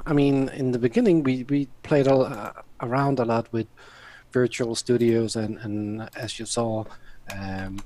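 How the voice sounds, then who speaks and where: A man on a casual panel chat, talking in a hesitant, thoughtful, halting way. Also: fairly low pitch, darkish tone, slight background noise. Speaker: show panelist.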